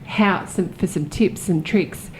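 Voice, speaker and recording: A woman co-hosting a podcast, chatty and quick to laugh, sometimes rushing through her phrases. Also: lowish voice, darkish tone, slight background noise, low-quality recording. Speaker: podcast co-host and keynote speaker. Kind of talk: casual podcast chat.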